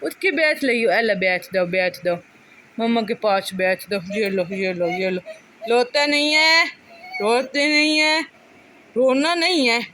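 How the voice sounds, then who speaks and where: A woman's voice: fairly high pitch, animated, slow, bright, forceful tone. A young mother, talking to her infant in cooing, sing-song baby talk.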